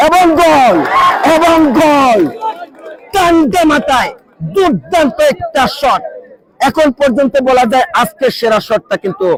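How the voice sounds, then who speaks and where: A man calls a local penalty shootout live from an outdoor ground. He keeps repeating players' names and nicknames, and he breaks into shouts each time a goal goes in. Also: very high voice, poor audio. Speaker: football commentator. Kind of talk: live sports commentary.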